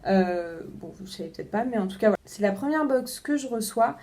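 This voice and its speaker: Chatty young woman with a mellow voice. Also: medium pitch, animated, a little fast. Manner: chatty, many hesitations and repeated words. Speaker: book vlogger. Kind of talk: casual unboxing chat. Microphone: front-facing camera.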